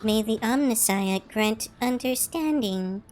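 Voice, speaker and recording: A woman voicing a cold, mechanically augmented noblewoman from a game, speaking in a formal, measured way. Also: a little high, a little mellow, faint music behind.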